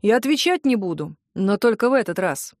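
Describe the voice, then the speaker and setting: A woman voicing a cocky, calm young man who mocks his girlfriend's brother. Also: mid-range voice, dry recording, studio quality, close to an everyday voice. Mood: smug. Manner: mocking, unhurried.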